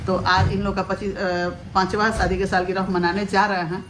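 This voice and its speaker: Brief: woman, 50s, mid pitch, earnest homely advice to viewers, faint room noise. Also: moderate pace. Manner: earnest, advice-giving, with a steady homely cadence. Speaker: family vlogger, mother-in-law. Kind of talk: casual vlog talk to viewers.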